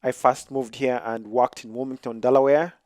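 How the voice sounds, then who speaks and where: A man in his thirties from Uganda, guesting on a podcast and speaking in a calm, measured, polite way. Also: medium pitch, dry recording, clean studio sound. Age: 30s. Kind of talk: casual interview.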